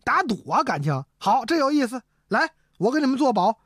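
A woman voicing a fat, excitable old prince who loves watching a fight, in a storytelling piece. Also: fairly high pitch, brisk, no room sound, studio quality, pitched above the performer's own voice. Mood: gleeful. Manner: gleeful, loud, meddling.

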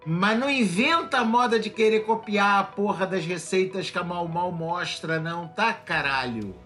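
A man with a Brazilian Portuguese accent co-hosting a podcast, animated and jokey, swearing freely as he talks. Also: sits high, moderate pace, soft background music. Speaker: podcast co-host. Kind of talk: casual chat.

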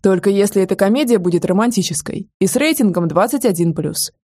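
Brief: cocky young biker voiced by a female narrator, teasing audiobook read, mellow and breathy. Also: medium pitch, lively intonation, fast, dry recording, studio quality. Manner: teasing, smirking delivery.

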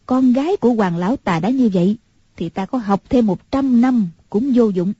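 A woman's voice: fairly high pitch, moderate pace, warm tone, slightly rough, no echo. A woman voicing a bitter, eerie older recluse who speaks harshly and grimly. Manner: harsh and grim. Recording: muffled lo-fi recording.

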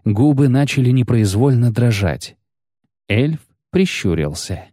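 A man narrating an audiobook in a steady, even storytelling voice. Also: medium pitch, unhurried, slightly rough, no room sound. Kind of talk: scripted narration. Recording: dry studio sound.

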